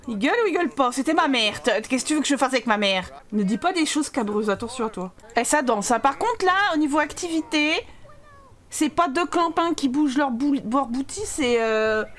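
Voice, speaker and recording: A woman giving playful, lively Let's Play commentary as a gaming YouTuber, voicing her game characters' lines. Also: sits high. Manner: lively, playful, voices her Sims' dialogue.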